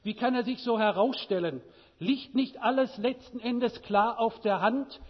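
A man preaching a sermon, with a measured delivery and many rhetorical questions. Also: very high voice, breathy edge, long reverb tail, highs cut off.

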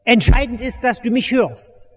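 Speaking at a moderate pace in an extremely high-pitched voice, this man delivers an evangelistic sermon at a church service. His tone is urgent and commanding, full of emphatic repetition, and the recording echoes through the hall.

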